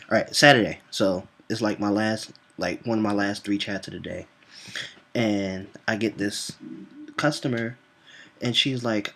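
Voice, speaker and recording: A young man with a lowish voice tells a rambling work story in casual, profane slang. He acts out each side of the conversation and pushes his voice sharply higher when he gets worked up. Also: fairly bright tone. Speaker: vlogger telling a work story.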